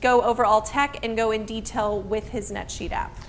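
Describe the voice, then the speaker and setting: A woman's voice: a little high, steady tone, moderate pace, a little hiss or hum. A woman helping run a team meeting, cheerful and encouraging. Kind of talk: casual meeting chat.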